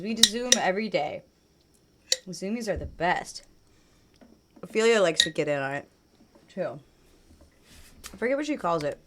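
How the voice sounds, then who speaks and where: A woman chatting casually while she plays a game, rambling on and trailing off into quiet mutters as she focuses. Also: lowish voice, a little hiss or hum. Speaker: game streamer.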